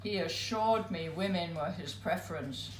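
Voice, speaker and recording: Slow, expressive woman reading her memoir. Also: on the low side, slight background noise. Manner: unhurried, expressive storytelling. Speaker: spoken word performer. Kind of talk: reading a memoir piece aloud. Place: live spoken word venue. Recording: roomy live venue.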